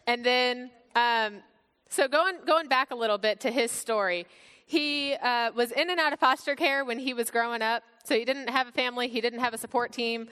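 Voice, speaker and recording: A woman's voice: fairly high pitch, normal speed, sharp tone, smooth. A young woman from Bulgaria sharing her testimony with a youth group, upbeat and chatty with many fillers. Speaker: youth speaker. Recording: long hall reverb.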